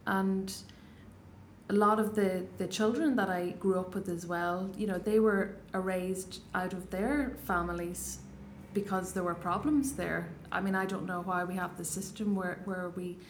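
Her voice sits on the low side, steady and measured, with a faint hiss or hum behind it. This Donegal Gaeltacht poet in her thirties fields interview questions hesitantly and reflectively, restarting many times in her Donegal Irish accent.

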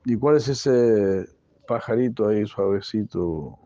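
A man's voice: lowish voice, takes it slowly, warm tone, no room sound, dull audio. A man voicing a curious young boy. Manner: eager questioning. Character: curious young boy asking about animals.

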